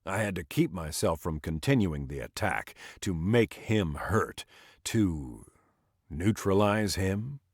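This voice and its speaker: A man's voice: low-pitched, animated, slow, breathy edge, no room sound, clean studio sound. A man narrating an audiobook in scripted style, voicing the dialogue with small shifts for each character.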